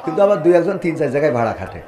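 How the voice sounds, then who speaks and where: A man preaching a sermon and telling its story dramatically. He swings from loud, rising cries to low, hushed narration. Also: very animated, very fast, a faint crowd. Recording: echoey sermon recording.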